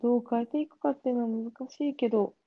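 A young woman co-hosting a podcast, speaking in a thoughtful, measured way in casual chat. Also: fairly high pitch, steady tone, narrow, tinny audio. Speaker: podcast co-host.

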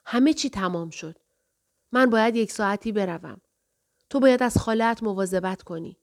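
A woman voicing a hoarse, dry-voiced mother who speaks in a hurried, urgent way. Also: medium pitch, close to an everyday voice.

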